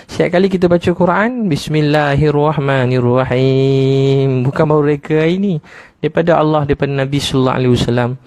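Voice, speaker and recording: A middle-aged man with a Malaysian Malay accent preaching a humorous sermon to a congregation. He tells stories animatedly and slowly chants some phrases in a sung tone. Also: fairly high pitch, a little mellow, no room sound.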